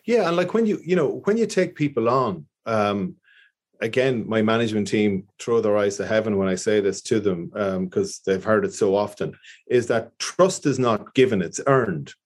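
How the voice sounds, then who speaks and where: A man's voice: fairly low pitch, animated, moderate pace. A man with an Irish accent, a business owner talking earnestly in an interview and repeating his key points. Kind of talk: conversational interview.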